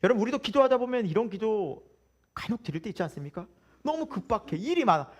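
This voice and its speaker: A man's voice: high voice, animated, fast talker. A male pastor preaching a Sunday sermon in a church, with humor and many rhetorical questions.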